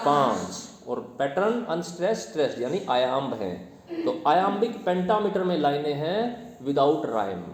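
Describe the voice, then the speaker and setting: A man teaching a poem to his class, explaining each line in Hindi mixed with English terms and reading the verse slowly. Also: fairly high pitch, a little mellow. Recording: echoey room, long reverb.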